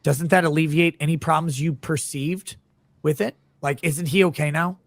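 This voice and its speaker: A man questioning someone conversationally, halting at times but insistent. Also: a little high, steady tone, vocal fry, no room sound. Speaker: live stream interviewer.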